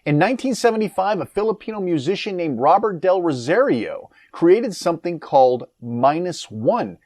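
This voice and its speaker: A man's voice: high voice, very animated, normal speed, a little mellow, no room sound, studio quality. A middle-aged American man narrating a documentary in a wry, storytelling way. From United States.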